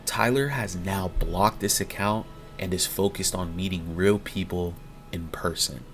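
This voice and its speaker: A man's voice: deep voice, unhurried, a bit bright, soft background music. A man giving scripted narration about a romance scam case.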